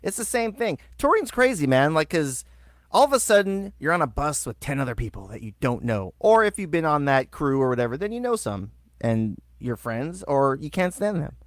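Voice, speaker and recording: A man's voice: normal speed, no echo, clean studio sound. A man co-hosting a podcast, telling road stories in casual, profane chat and acting out quotes. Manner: animated, swears freely, acts out quotes in a higher voice. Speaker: podcast co-host.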